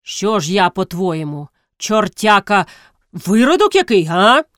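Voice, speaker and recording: A woman's voice: mid-range voice, takes it slowly, clear, resonant tone, dry recording, clean studio sound, lightly acted. A woman doing a jeering, brash male guest. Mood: scornful. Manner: jeering, scornful and loud. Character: brash, mocking male guest, sly trader.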